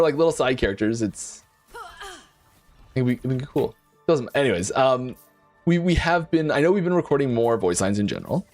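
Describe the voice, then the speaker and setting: A man with a voice on the low side hosts a casual developer Q&A stream while playing, speaking through a desk mic. He talks in a lively way, often repeating words and restarting sentences.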